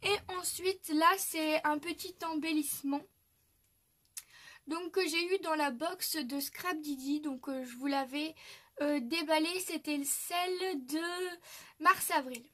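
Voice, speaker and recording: A woman's voice: sits high, slow, bright, forceful tone. A young woman from France chatting through a craft tutorial, full of fillers and little restarts. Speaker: craft youtuber.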